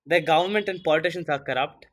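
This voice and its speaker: A man's voice: on the high side, fast, fairly bright tone, slight background noise. A teenage boy from India co-hosting a casual podcast, talking loosely with lots of fillers. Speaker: podcast co-host.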